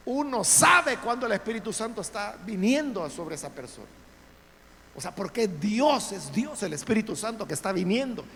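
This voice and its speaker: A male pastor delivers an emphatic sermon in a church, firing rhetorical questions at his listeners. His voice sits high and sounds bright and forceful, with a gravelly edge. The room leaves a long reverb tail, and faint ambience is heard behind him. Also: a little hiss or hum. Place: church sanctuary.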